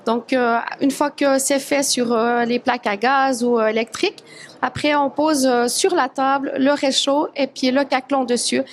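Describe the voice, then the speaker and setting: Woman guest, high voice, hesitant, explains a dish. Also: steady tone, moderate pace, slight background noise. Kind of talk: explaining a recipe.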